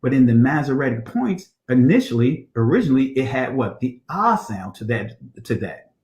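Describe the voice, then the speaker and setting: A man teaching from slides in a conversational way, often checking in with "right?" and pausing on fillers. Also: mid-range voice, big pitch swings, a little mellow. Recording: roomy echo.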